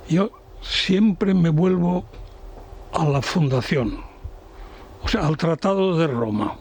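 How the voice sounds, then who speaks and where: An older man with a Spanish accent, an economics commentator on a radio panel, talking in a slow, halting, professorial way with many restarts. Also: a little high, a little mellow, slightly rough.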